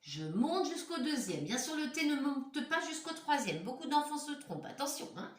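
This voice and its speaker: Her voice sits high and sing-song at a moderate pace as this primary school teacher walks young children through handwriting, one step at a time. The recording comes from an echoey room at home, with the mic some distance away.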